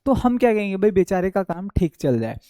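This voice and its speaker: A male English vocabulary tutor runs an online exam-prep class, asking questions and answering them himself while drawing out key words and repeating them slowly so they stick. His voice is high, very animated, warm and mellow, recorded close and dry with no echo.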